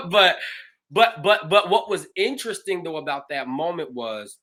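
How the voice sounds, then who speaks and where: A male pastor hosts a casual livestream conversation, telling his stories in an animated, expressive way. His voice is bright and forceful and sits a little high for a man. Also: slow. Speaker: pastor and show host.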